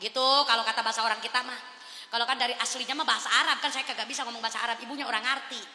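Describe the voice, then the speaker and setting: Animated high-voiced woman preacher, echoey hall. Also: racing. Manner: animated storytelling, asks audience "betul, Bu?". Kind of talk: lively humorous sermon. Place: prayer room before an audience.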